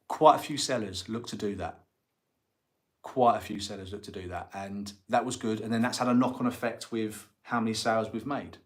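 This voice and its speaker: A man with a fairly low voice and an Essex accent hosts a casual livestream. He talks in a chatty, colloquial way, as if answering viewers directly. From Essex, England. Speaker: livestream host and estate agent.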